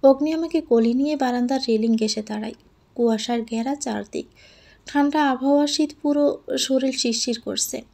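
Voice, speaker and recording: A woman narrating a romantic audio story in the first person with a steady, expressive reading. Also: high voice, moderate pace, vocal fry.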